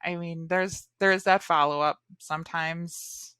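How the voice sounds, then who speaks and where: A woman, a high school English teacher, chatting as a guest in an interview, filling her talk with "um" and "like". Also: fairly even intonation, measured pace, bright, forceful tone, clean tone, dry recording, studio quality. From United States. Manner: chatty, lots of fillers like "um" and "like". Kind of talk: casual interview chat.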